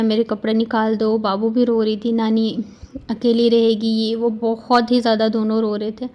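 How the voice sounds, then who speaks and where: A woman's voice: on the high side, darkish tone. A woman vlogger narrating in a chatty, confiding and heartfelt way, full of casual fillers.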